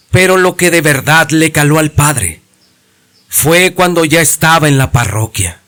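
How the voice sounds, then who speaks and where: A man narrating a horror legend in a deliberate, suspenseful way. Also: a little high, a bit bright.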